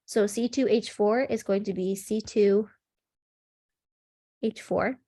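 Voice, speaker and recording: Running a chemistry review session on a video call, this young woman speaks slowly in a warm, mid-range voice. She's congested and sniffly, and her friendly explanations are full of ums.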